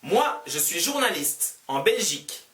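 A man voices a cheerful Belgian journalist in a textbook dialogue. He speaks slowly and brightly, with clear articulation. The voice is heard from a little way off the mic in an echoey room. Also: fairly high pitch, sing-song, recorded from a distance, full character voice. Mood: friendly. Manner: slow, carefully articulated dialogue reading.

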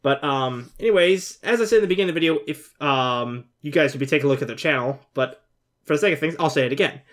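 Talking fast in a slightly high voice, this young man in his twenties riffs loosely as a reaction video host. The setting is an indoor bedroom, and his commentary is rambling, informal and peppered with light cursing.

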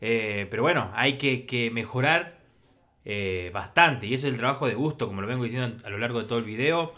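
Guy yelling along to a football match, bright voice, swings all over the place. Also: mid-range voice, brisk. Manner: excitable, bursts into shouts at big plays. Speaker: football reaction youtuber. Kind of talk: live match reaction commentary.

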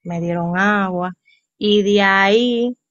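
A woman in her forties recounts her life as a guest in a casual conversation, bringing in quoted voices with lively changes. Her voice sits at an ordinary pitch, with a dry, close sound that is a bit dull and muffled. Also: takes it slowly, no echo. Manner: animated, acts out quoted voices. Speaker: interview guest. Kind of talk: storytelling in casual chat.

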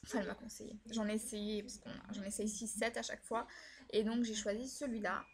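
Reviewing makeup she has bought, a young woman vlogs in a chatty way, hesitating often and dropping in many fillers and "voilà". She has a mid-range voice with a level tone and a slightly fast pace.

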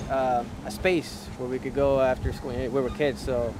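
A man from Chile, a band member, talking in a relaxed, hesitant way in an interview outdoors. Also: mid-range voice, normal speed, rough recording. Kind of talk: casual interview. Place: outdoor plaza.

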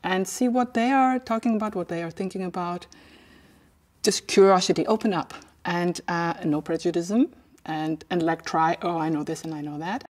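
A middle-aged woman speaks slowly and thoughtfully, pausing often as she hunts for the right word. Her voice sits a little low. She is giving a documentary interview in a large indoor hall. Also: steady tone, a little mellow. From Iceland. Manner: reflective, searching for words with many pauses.

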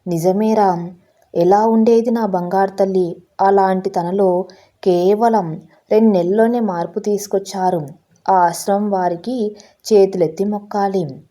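A woman's voice: mid-range voice, fairly even intonation, a little slow, warm tone, close to an everyday voice. A woman voicing a grieving middle-aged mother who is anxious and tearful, in a pleading storytelling manner.

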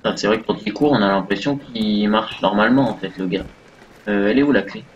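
A man's voice: on the low side, a little fast, far from the mic, highs cut off, a little hiss or hum. A man giving casual live commentary while playing a horror game, thinking aloud with many fillers. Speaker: gaming streamer. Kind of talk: live let's play commentary.

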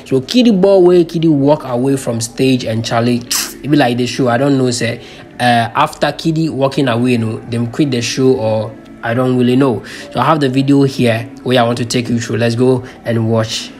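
A man's voice: mid-range voice, fairly even intonation, normal speed, darkish tone, soft background music. A man with a Ghanaian accent hosting a channel, giving a chatty commentary voice-over that mixes Pidgin into English. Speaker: channel host.

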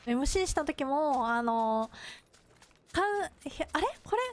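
A woman's voice: high voice, animated, measured pace. A woman with a Kansai accent, chatting casually and rambling to herself while live-streaming a game. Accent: Kansai Japanese. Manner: rambling self-talk between game remarks.

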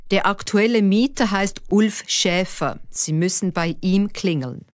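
A woman reading dialogue lines slowly and clearly for a language lesson, repeating each sentence. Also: medium pitch, no echo, studio quality. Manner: careful, clearly articulated, each line said twice. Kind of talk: slow scripted dialogue reading. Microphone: dry studio voice-over.

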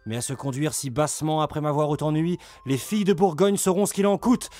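A man voicing a brawny, furious medieval lord who speaks loud, coarse and vehement, with soft music behind. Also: a little high, fairly quick, pitched above the performer's own voice, lightly acted. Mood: raging.

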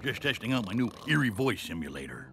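A man's voice: lowish voice, very animated, fast. A man voicing an eccentric, sinister animal inventor in a cartoon, eerie and theatrical, with mock-ominous delivery. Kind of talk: cartoon voice acting. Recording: loud music behind.

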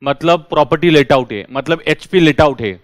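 जोशीले अंदाज़ में पढ़ाता एक पुरुष शिक्षक, साफ़ सूखी आवाज़. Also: male voice, a little high, normal speed, no room sound. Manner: lively, drills students with repeated questions. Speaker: teacher. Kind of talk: classroom lecture.

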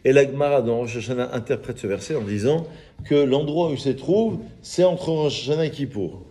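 A man, a rabbi giving an informal, lively Torah lesson and joking with his small group of listeners. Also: medium pitch, a little fast. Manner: lively, teasing, chats with listeners. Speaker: rabbi teaching a class.

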